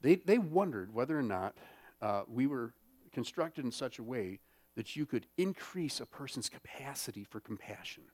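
A pastor with a mid-range, darkish voice gives a very animated sermon at a moderate pace, captured in a dry recording. He keeps it conversational, using lots of fillers and checking in with the congregation often.

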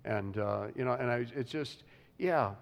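A man's voice: medium pitch, measured pace, creaky. A man preaching to his congregation in a loose, conversational way, often restarting sentences and chuckling. His voice sits in the middle range and rings with the long reverb of a large hall. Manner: conversational, many restarts and "you know", chuckles. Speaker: pastor. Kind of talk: sermon.

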